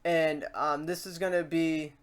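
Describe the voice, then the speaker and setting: A tutorial host with an androgynous, mid-pitched voice walks through software steps informally, often talking each step through to themselves in an unscripted, conversational way. The delivery is unhurried with little pitch movement, and there's slight background noise.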